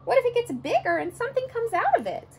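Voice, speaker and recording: A woman's voice: very high voice, very animated, fast talker, slight background noise, pitched above the performer's own voice, exaggerated voice. A woman voicing an anxious little mouse girl, asking fretful questions.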